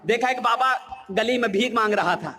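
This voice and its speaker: A man's voice: very high-pitched, normal speed. A man preaching, telling a humorous story in a sermon and acting out the voices of its people. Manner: animated, acts out voices, shouts at times.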